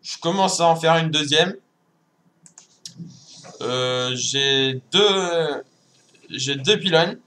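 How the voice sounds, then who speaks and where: A young man calmly explaining his own strategy game moves in casual commentary. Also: a little high, drawn-out words, pauses often, slight background noise. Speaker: gameplay co-commentator.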